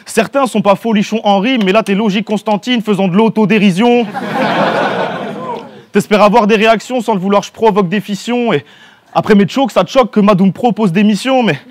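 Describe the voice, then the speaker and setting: A man's voice: high-pitched, fairly quick, a little hiss or hum. A man battle-rapping a cappella at a live event, sarcastically taunting his opponent. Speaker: battle rapper. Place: live event before a crowd.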